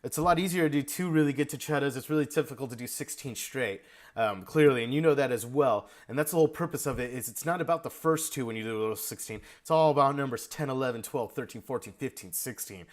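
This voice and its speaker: An energetic man coaching a drummer, explaining technique in a quick, friendly teaching voice. He sings the rhythms aloud as he goes, with a voice of ordinary pitch for a man. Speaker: drum instructor giving feedback. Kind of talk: video lesson feedback.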